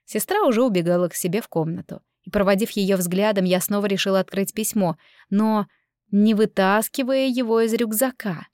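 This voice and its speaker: A woman narrating a first-person story in a calm, measured reading voice, close to the mic. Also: mid-range voice, dry recording. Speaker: audiobook narrator. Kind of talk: scripted narration.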